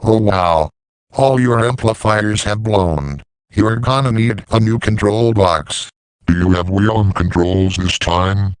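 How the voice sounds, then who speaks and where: A man voicing scripted dialogue for an animated story about talking machines. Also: lowish voice, slow, clean tone, dry recording. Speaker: voice of talking siren characters.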